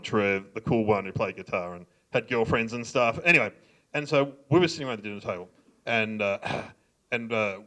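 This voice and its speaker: A man's voice: mid-range voice, fairly bright tone. A middle-aged Australian man telling funny stories at a live stand-up show, laughing and mimicking. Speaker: comedian. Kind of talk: stand-up storytelling. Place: library event room.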